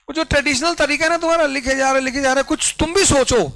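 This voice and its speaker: A man teaching a history class, animated and urging his students, dropping English phrases into his talk. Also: very high-pitched, quick pace, low-quality recording.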